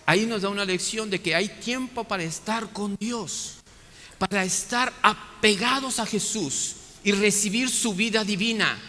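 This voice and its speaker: A priest giving a lively sermon, acting out the biblical figures as he tells their story. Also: sits high, a little hiss or hum. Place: church. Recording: echoey church hall.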